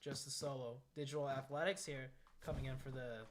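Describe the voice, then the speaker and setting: A man's voice: medium pitch, steady tone, fairly quick. A man doing conversational play-by-play and analysis of a shooter match, explaining the tactics as he goes. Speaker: esports commentator. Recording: clear noise, game gunfire and clicks. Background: gunfire and clicks from the game.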